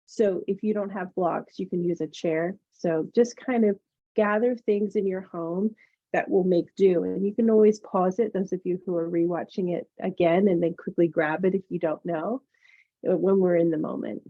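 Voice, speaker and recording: A woman's voice: lowish voice, steady tone, normal speed. A woman teaching yoga, casually talking a class through its introduction. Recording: phone-like narrow-band sound.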